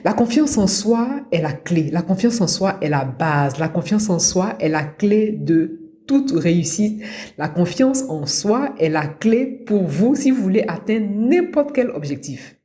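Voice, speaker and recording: A middle-aged woman from Abidjan, Ivory Coast, a personal development coach and podcast host, gives a motivational coaching talk. Her voice is medium-pitched, sing-song, warm and a little slow, and she teaches in a didactic way, repeating key points for emphasis.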